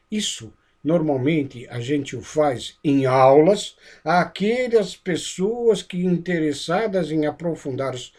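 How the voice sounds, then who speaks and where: A man lecturing on public speaking in a teaching manner. His pace shifts between quick runs and slower, deliberate stretches, and he often pauses to check in with his listeners. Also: mid-range voice, a little mellow. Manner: didactic, checks in with frequent "né?" and "ok?". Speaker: instructor of a speaker training course. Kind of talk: lecture-style lesson.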